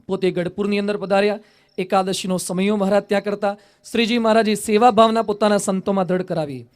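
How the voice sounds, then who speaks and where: High-voiced monk telling a sermon story. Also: male voice. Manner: rhetorical questions and wry humorous asides.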